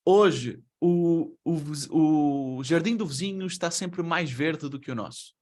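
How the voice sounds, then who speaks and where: A man with a fairly high, slightly mellow voice speaks slowly in an online webinar. He has a European Portuguese accent despite being born in Brazil, and he talks conversationally, asking rhetorical questions.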